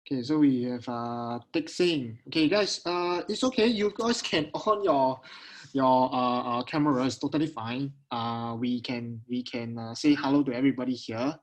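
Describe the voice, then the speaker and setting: A man's voice: medium pitch, moderate pace, rough recording. A man with a Singaporean accent hosting a casual live online webinar in Singlish, repeating phrases and often checking in with his listeners. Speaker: investment webinar host. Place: at home on a video call.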